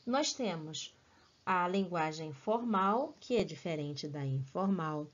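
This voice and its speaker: A woman teacher explains a recorded lesson at an unhurried pace in a lowish voice. She often checks in with her listeners. The sound is dull and lo-fi. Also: animated. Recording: dull lo-fi audio.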